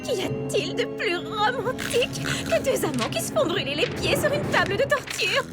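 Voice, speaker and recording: A woman's voice: very high voice, big pitch swings, normal speed, over loud music. A woman voicing a flamboyant, centuries-old ghost romance novelist in a French cartoon dub, theatrical and giggly. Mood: romantic.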